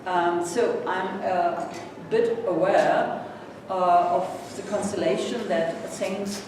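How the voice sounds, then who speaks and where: A German-accented woman in her sixties, a native German speaker, lectures as a guest professor in an indoor seminar room, halting, courteous and self-deprecating. Her voice is on the low side and steady. The recording is noisy and echoey, captured from far away.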